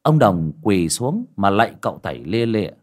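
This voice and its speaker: A male audiobook narrator. His intonation is lively and rises and falls as he tells a spooky folk tale. The narration is scripted and steady. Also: lowish voice, moderate pace. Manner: storytelling with expressive rises and falls.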